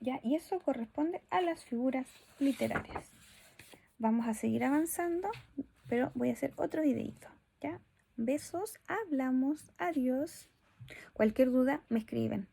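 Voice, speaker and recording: A woman's voice: high-pitched, a little slow, vocal fry, mellow, breathy edge. A woman teacher recording a video lesson for schoolchildren, friendly and often checking in with her pupils. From Chile.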